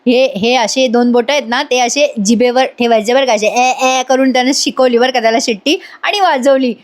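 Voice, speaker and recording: A woman's voice: fairly high pitch, normal speed, lightly acted. A woman voicing a playful young man who coaxes his older brother through a lesson.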